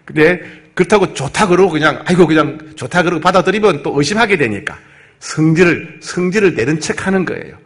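Brief: male pastor, fairly high and very lively voice, engaging the congregation. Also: fast. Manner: animated, asks the congregation questions. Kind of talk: Bible study sermon.

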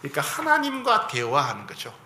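A man's voice: a little high, wildly swooping pitch, fairly quick, sharp tone, reverberant, slight background noise. A man preaching a sermon as a pastor in a conversational style, often asking the congregation for agreement.

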